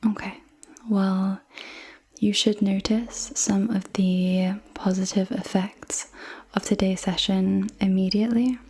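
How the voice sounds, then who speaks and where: A woman in her twenties doing a whispered ASMR role-play as a clinic practitioner, in a soft, breathy, reassuring whisper. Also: medium pitch, level tone, takes it slowly. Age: 20s. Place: indoors, small room with dark backdrop.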